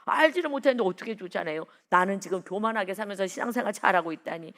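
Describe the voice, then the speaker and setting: A middle-aged woman preaching an early-morning sermon, emphatic and repetitive, rising to loud exhortations. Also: medium pitch, expressive, quick pace. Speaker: pastor.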